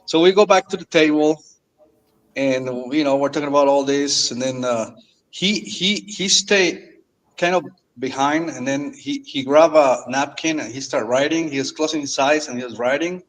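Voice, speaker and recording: Earnest man, halting speech. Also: a little high, fairly bright tone, low-quality recording. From Mexico. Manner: halting, earnest, repeats words often. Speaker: guest. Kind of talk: casual storytelling.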